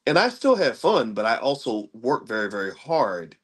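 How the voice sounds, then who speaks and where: A middle-aged commentator on economics gives a casual, lecture-style talk about money, rambling conversationally, restarting himself, and asking listeners "right?". His mid-range voice is husky and moves through big pitch swings at a moderate pace.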